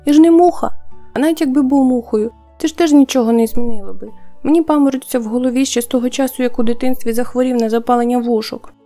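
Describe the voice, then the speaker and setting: Woman narrator doing a squeaky, weepy little storybook critter, mellow tone. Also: expressive, fast talker, few pauses, faint music behind. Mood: sniffling. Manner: whiny, sobbing, high-pitched. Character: timid, tearful little male creature.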